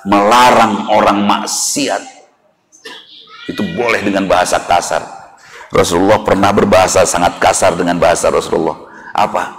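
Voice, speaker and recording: Lively Sundanese-accented man preaching. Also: sits low, moderate pace. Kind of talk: Islamic sermon. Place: mosque.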